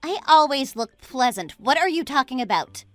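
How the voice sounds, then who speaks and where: A woman's voice: high voice, animated, normal speed, dry recording, faint music behind. A woman voicing a whiny, bickering young woman. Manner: bickering, indignant. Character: whiny defensive young woman, cafe co-owner.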